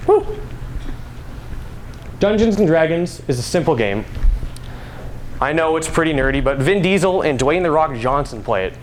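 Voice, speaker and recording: Speaking in a somewhat high voice, a young man gives an informal public talk, playful and conversational, as if telling a story. Faint background noise sits behind him in this low-quality live recording.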